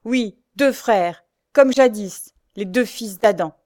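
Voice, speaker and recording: A woman reading a French novel aloud, voicing a humble young knife-grinder who now stands up defiantly in a loud, firm voice. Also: fairly high pitch, normal speed, close to an everyday voice. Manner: loud, fierce, resolute.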